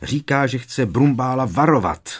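A man's voice: mid-range voice, lively intonation, husky, voice pushed up. A man voicing an anxious teenage schoolboy who talks urgently and pleads in a raised voice in an audiobook. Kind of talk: audiobook character voice.

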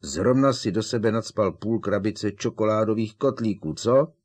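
A puzzled teenage wizard boy who keeps pressing for sense. A man reads him low and breathy, sounding disbelieving in a storybook reading. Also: darkish tone.

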